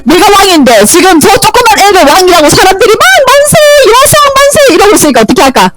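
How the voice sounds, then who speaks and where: A woman's voice: sits high, very animated, rapid-fire. A woman voicing an old queen grandmother who shrieks furious accusations of treason.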